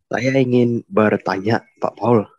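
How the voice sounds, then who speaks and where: A man's voice: on the low side, fairly even intonation, slow, darkish tone, lo-fi sound, slight background noise. A man calling into a live discussion, polite and hesitant, asking questions. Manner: polite, hesitant, keeps saying "Pak Paul". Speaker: caller. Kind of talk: polite questioning on a video call.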